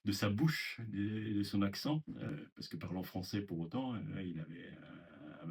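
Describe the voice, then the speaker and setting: An older man talks in a very low, gravelly voice with a husky, rough edge. He recalls things slowly and hesitantly, stopping and restarting his sentences in a reflective interview. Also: lively intonation, darkish tone. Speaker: former resident interviewee. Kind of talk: recorded testimony interview.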